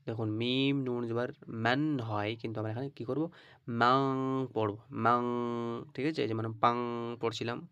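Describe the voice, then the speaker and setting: Male Quran teacher, patient step-by-step spelling drills, very smooth tone. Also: medium pitch, fairly even intonation, pushed and bright, no echo. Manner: spells out syllables, drawn-out recited words, often asks "right?". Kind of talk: slow spelled-out recitation lesson.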